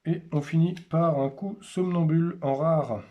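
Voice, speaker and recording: Male host, casual unboxing commentary, slow delivery, names items one by one. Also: fairly high pitch, fairly even intonation, muffled recording. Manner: names cards one by one in short, unhurried remarks. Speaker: host opening a card display.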